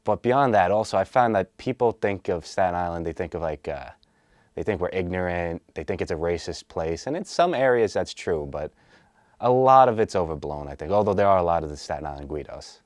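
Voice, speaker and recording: Twenties man, casual interviewee, low dry voice, hesitant, lots of fillers. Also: lively intonation, a little fast, no echo. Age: 20s. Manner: hesitant, many fillers and restarts.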